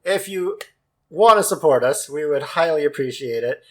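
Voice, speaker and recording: A man's voice: a little high, lively intonation, normal speed, fairly bright tone. A man co-hosting a casual podcast chat, joking around and laughing often. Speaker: podcast co-host.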